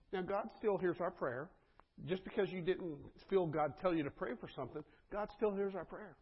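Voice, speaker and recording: Pastor guy preaching, kinda husky, slightly high voice, dull lo-fi sound, chatty with the crowd. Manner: earnest, conversational preaching with repeated asides to the congregation. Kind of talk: sermon.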